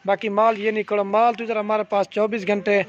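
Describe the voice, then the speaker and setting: A high-pitched man with a Pakistani Urdu accent speaks in a flat delivery as he casually shows buyers the goats on his farm, in an outdoor yard beside a garden. He is salesy and repetitive, forever checking "theek hai." The phone recording sounds slightly muffled, with faint outdoor ambience behind him.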